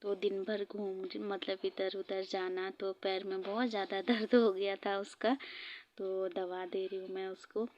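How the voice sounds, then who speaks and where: A woman's voice: medium pitch, level tone, unhurried, darkish tone, muffled recording. A woman vlogger narrating her day in a chatty, rambling voice-over, laughing often. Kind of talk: casual voice-over vlog narration.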